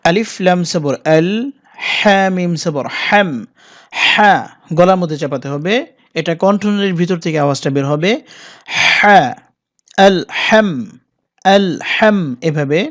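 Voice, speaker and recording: Casting: recitation teacher, spells out sounds and then stretches model words slowly, talks straight to viewers. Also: mid-range voice. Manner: drawn-out, slow model pronunciations between brisk explanation; addresses viewers directly. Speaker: Quran pronunciation teacher.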